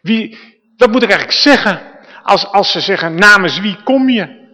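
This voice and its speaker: A preacher doing a reluctant Moses. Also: male voice, high-pitched, lively intonation, moderate pace, sharp tone, pitched above the performer's own voice, exaggerated voice. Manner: hesitant, full of excuses. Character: reluctant, hesitant old Moses. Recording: reverberant church hall.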